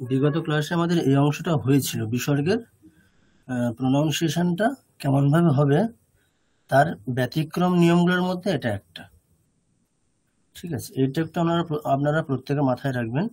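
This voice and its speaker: Over a video call, a male teacher gives an online class lecture in a somewhat high, slightly mellow voice. Slow and patient, he repeats his points and keeps checking that his students are following.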